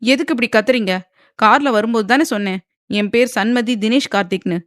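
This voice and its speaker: A woman's voice: high-pitched, moderate pace, darkish tone, no echo, clean studio sound, voice pushed up, lightly acted. A woman narrator voicing a distressed young wife who cries, pleads and argues back. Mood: irritated. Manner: pleading, crying, agitated. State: crying. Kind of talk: audiobook character voice.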